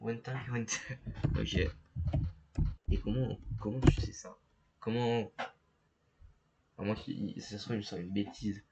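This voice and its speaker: A man streaming a game live, talking to his chat in a halting, stammering way and reading the screen aloud. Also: on the low side, creaky, noisy background. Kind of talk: live gameplay commentary.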